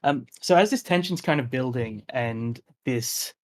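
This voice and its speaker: A man narrating as game master of a tabletop role-playing session, in a measured, unhurried way with frequent filler words. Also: medium pitch, expressive.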